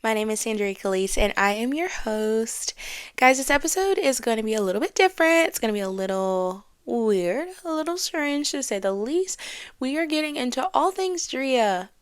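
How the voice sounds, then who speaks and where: A woman's voice: a little high, animated, moderate pace, clean tone. A woman, hosting her own podcast in a casual, chatty, self-deprecating way. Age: 20s. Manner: chatty and self-deprecating, with frequent fillers and Southern slang. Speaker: podcast host. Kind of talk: casual solo podcast chat.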